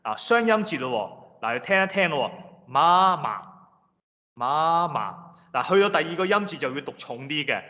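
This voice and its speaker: A man lecturing a class in a patient, explanatory way, slowly repeating example words. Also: a little high, lively intonation, a bit bright. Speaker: language lecturer. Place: lecture room. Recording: reverberant hall, dull lo-fi sound.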